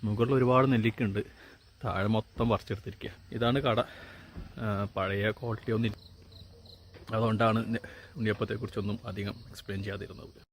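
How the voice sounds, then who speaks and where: A man's voice: fairly low pitch, steady tone, a little fast, long pauses. Malayali man mixing English, noisy location sound. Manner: mixes Malayalam with English words. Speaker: travel vlogger. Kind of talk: casual walk-through vlog narration. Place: on location around a forest resort. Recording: noisy on-location recording, outdoor ambience.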